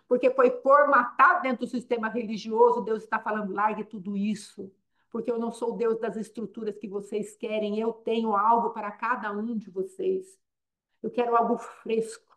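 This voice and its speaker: A middle-aged woman with a Brazilian Portuguese accent, preaching a sermon with fervent, repetitive phrasing that swings between loud emphasis and hushed intensity. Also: fairly high pitch.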